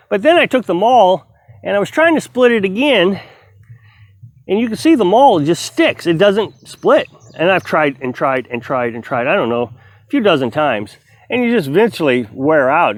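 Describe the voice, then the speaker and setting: A middle-aged man vlogs outdoors on his homestead, splitting firewood as he talks casually and earnestly. His high-pitched voice rambles in a self-reflective way, recorded with no room sound.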